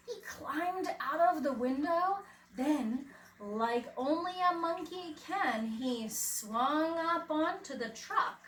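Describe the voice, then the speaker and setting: With a high, lively voice and an expressive teacher's delivery, a female preschool teacher reads a picture book to children, adding dramatic emphasis and posing questions to them. The sound is roomy, captured on a distant mic with faint background noise.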